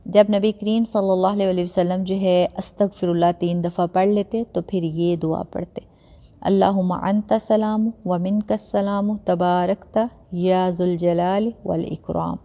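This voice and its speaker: A woman giving a patient step-by-step prayer lesson, repeating recitations slowly syllable by syllable and mixing English words into conversational teaching. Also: on the low side, steady tone, mellow, big-room sound. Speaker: religious teacher.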